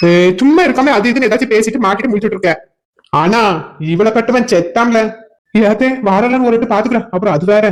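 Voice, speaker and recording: A man with a south Tamil accent voices a cartoon drama in a joking, flustered way. He speaks at a brisk pace. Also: very high voice. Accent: south Tamil Nadu dialect. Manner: joking and flustered, laughs between lines. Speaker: voice actor for a cartoon series.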